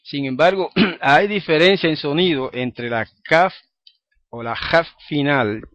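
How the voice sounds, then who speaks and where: A man's voice: fairly high pitch, unhurried, fairly bright tone, no room sound. Patient Spanish-speaking male teacher. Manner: explains patiently, checks in with "¿ok?" and "¿verdad?". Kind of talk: recorded lesson. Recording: dry, dull lo-fi recording.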